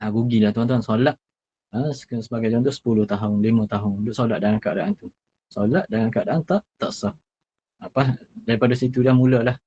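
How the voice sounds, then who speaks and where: A man's voice: mid-range voice, a little fast, warm tone, breathy edge. Man, Malaysian Malay accent, religious teacher, lecture, drills pronunciation, muffled lo-fi sound. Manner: explanatory, repeats words for pronunciation drills, asks "tak?" often.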